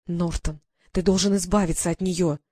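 A woman's voice: on the low side, fairly even intonation, moderate pace, mellow, no echo, clean studio sound, close to an everyday voice. A woman voicing a devoted, bloodthirsty female servant who talks insistently and with heat. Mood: insistent, hateful. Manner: insistent, heated.

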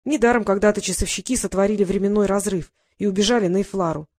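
A blunt, self-assured winged boy who answers in short, clipped lines, as a narrator puts him on. He sounds proud and a little grumpy, speaking at a middling pitch in a storybook reading. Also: fairly even intonation, fast, darkish tone, close to an everyday voice.

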